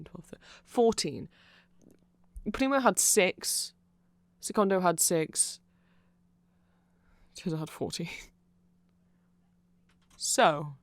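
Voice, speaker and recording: With no room sound in the recording, a host speaks at medium pitch with vocal fry and a fairly bright tone, walking the listener through band lore. It's a casual, rambling ASMR explainer delivered like an enthusiastic fan: nerdy, chatty, and prone to self-correction.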